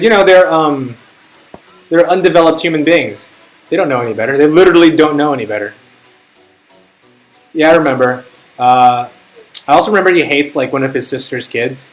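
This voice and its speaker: Rambling, profane young man streaming. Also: a little high. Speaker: streamer and tutor. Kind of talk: casual live-stream chat. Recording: faint music behind. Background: faint music.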